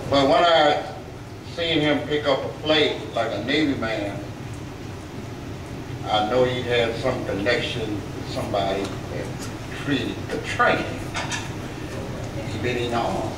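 A man's voice: medium pitch, a little slow, pauses often. An older man with a Southern US accent, a visiting pastor giving folksy, joking remarks from the pulpit. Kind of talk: church remarks. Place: church sanctuary, at a pulpit. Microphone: pulpit mic, filmed by far camera. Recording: echoey church from far off, loud room noise.

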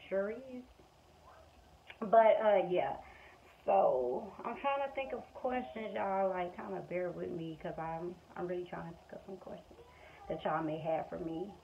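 With a mid-range voice, a woman in her twenties from Missouri chats frankly and informally to camera, her American accent coming through in colloquial, off-the-cuff speech. She's a vlogger and stay-at-home mother filming in a small room at home on a phone propped close or held at arm's length, and the dull, low-fidelity audio carries faint household noise.

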